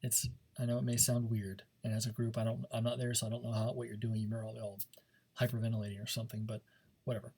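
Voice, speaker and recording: This man's voice sits fairly low and comes out quick, completely flat, darkish and a bit breathy. He coaches a speech class informally, giving instructions and checking understanding with frequent "okay"s and "right"s.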